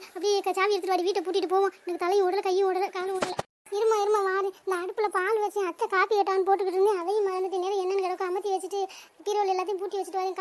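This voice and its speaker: A woman voicing a worried middle-aged mother with a sped-up, squeaky cartoon voice. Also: darkish tone. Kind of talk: cartoon family drama.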